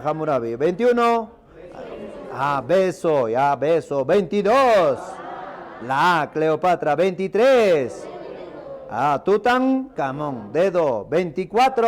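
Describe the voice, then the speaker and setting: Man quizzing a class, high voice. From Peru. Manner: rapid quizzing, answers his own questions in a lower voice. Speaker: teacher. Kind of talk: exam review class, question and answer. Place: classroom with students.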